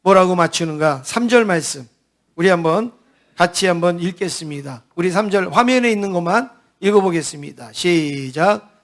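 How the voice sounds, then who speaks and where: High-voiced Korean pastor preaching. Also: male voice, brisk. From South Korea. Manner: animated preaching, asks the congregation questions. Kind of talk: sermon.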